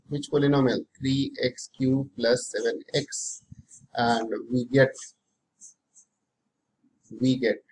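A man's voice: mid-range voice, a little mellow, a little hiss or hum, low-quality recording. A middle-aged man with an Indian accent teaching maths, working through problems aloud, often repeating phrases and posing questions to himself.

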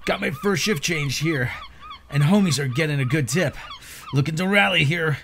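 A man reads out casual, slangy posts with theatrical exasperation. His voice is fairly high with gravelly creak and wide, lively swings. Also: normal speed, a little hiss or hum. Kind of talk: dramatized reading of social media posts.

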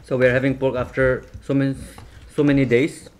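A man's voice: medium pitch, brisk, a little hiss or hum. A young man hosting a casual food vlog at home, chatting with his viewers during a family meal. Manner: relaxed, chatty, repeatedly addresses viewers as guys. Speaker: vlogger host.

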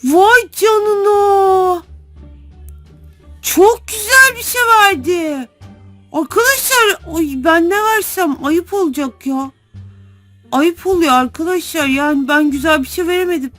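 Very high-pitched excitable woman gamer. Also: measured pace, soft background music. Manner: excitable, gushing, exclamatory, talks to viewers as friends. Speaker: gaming channel host. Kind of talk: casual gameplay commentary.

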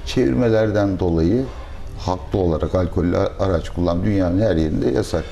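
Measured middle-aged man in a restaurant. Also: sits low, creaky, mellow, highs cut off, slight background noise. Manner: measured, thoughtful, pauses with fillers. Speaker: restaurant owner. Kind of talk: interview answers. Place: fish restaurant dining room.

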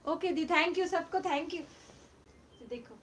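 High-voiced woman selling sarees live. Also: slow, a little hiss or hum. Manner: speaks up loudly and repeats prices. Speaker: online seller of used silk sarees. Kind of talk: live-stream sales chat. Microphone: phone mic, no external microphone.

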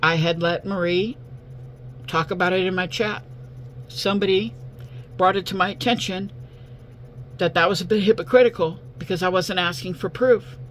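A woman with a hoarse, failing voice addresses her viewers casually as an online host, in a halting, earnest way. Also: on the low side, steady tone, poor audio. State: hoarse, losing voice. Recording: faint background hum and noise.

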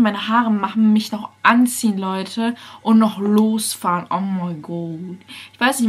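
A young woman vlogging casually at home on her phone, nervous and excitable, sometimes dropping into a whisper. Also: a little high, slightly rough. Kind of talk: casual vlog chat.

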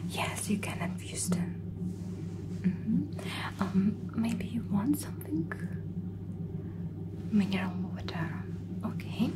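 A woman in her thirties plays a flight attendant for ASMR, whispering breathily right up against the microphone. Though her phrasing hesitates and halts, her mid-range voice has lively intonation.

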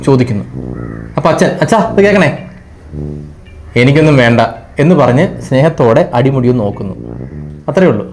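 Man, sketch comedy director, medium pitch, quick, bossy. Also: very animated, darkish tone, slight background noise. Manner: bossy, explaining scenes, loses temper. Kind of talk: scripted comedy sketch acting.

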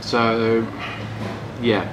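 Drawing out his words in a steady, medium-pitched voice, a young English man eats and chats informally about the food. The camera sits across the wooden table in a small room, and the recording picks up a lot of ambient noise.

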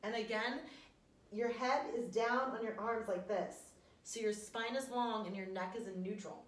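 In a living-room recording, a chatty fitness instructor in her thirties encourages viewers through casual stretches in a slightly high voice, steady in tone and moderate in pace. The camera is a few meters back, so the audio sounds roomy and distant, with faint room noise.

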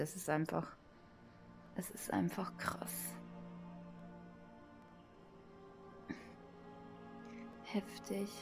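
A woman, vlogging her VR tour in excited, gushing commentary to her viewers. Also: mid-range voice. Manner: gushing, exclaiming, talking to viewers. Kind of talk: excited casual vlog commentary. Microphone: VR headset mic.

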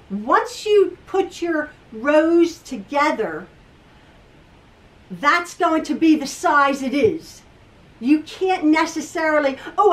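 A middle-aged woman teaching quilting in her home sewing room, thinking aloud with restarts and self-corrections in a casual tutorial. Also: high-pitched. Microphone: camera across a table, from a distance. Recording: voice a little far from the mic.

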